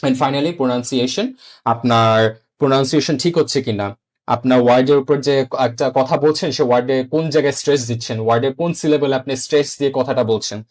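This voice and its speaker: A man's voice: medium pitch, fairly quick. A man teaching a beginner exam-prep lesson, explaining patiently and often repeating himself, with English terms mixed in and frequent "uh" fillers. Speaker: IELTS teacher.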